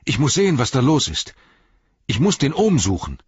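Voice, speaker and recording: A man voicing a loyal young male hobbit who speaks urgently, with a husky voice. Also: low voice, a little fast, dry recording, highs cut off. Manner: urgent, excited.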